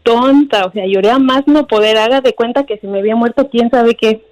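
A woman's voice: fairly high pitch, fairly quick, no echo. A woman, calling in to a radio show and telling a story while laughing at herself. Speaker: caller. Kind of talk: casual phone-in chat.

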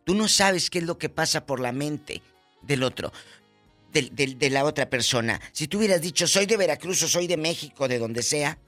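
A man hosting a radio call-in show, animated and exclaiming, giving life lessons to listeners. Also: fairly high pitch, moderate pace, soft background music. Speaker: radio host.

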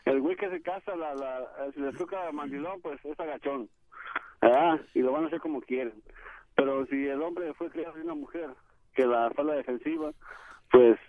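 A man's voice: a little high, normal speed. A man calling into a radio show, giving a rambling, emphatic opinion and repeatedly addressing the host. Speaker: radio caller. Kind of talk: call-in opinion. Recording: tinny phone line.

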